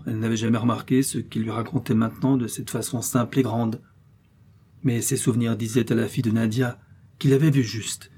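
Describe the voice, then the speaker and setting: A man reads a classic novel aloud in a calm, even storytelling voice. His tone is dark and mellow with a slight huskiness, steady from line to line. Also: mid-range voice, breathy edge. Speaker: audiobook narrator. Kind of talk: scripted narration of a classic novel.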